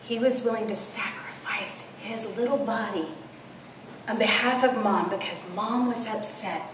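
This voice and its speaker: A woman in her forties, a loud, animated speaker, telling a personal story at a church women's conference. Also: fairly high pitch, a little slow. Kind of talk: storytelling sermon. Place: large hall at a church retreat. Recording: echoey hall, faint noise.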